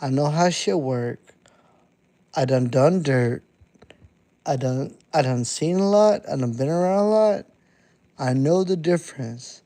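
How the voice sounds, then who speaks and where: Mellow and fairly high-pitched, this thirty-something underground rapper speaks unhurriedly to his stream chat with long pauses. He's blunt and profane in the casual monologue, circling back to repeat himself.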